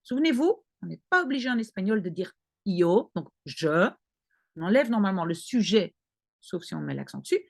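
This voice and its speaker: A woman's voice: mid-range voice, big pitch swings, brisk, vocal fry. A middle-aged woman giving an online language lesson, explaining patiently and often checking that listeners follow. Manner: patient explaining, frequent checks like "hein" and "d'accord". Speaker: language teacher.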